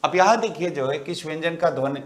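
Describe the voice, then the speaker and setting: A man's voice: a little high, fairly quick. A middle-aged man teaching an exam-prep grammar lecture, often asking rhetorical questions and repeating key words for emphasis.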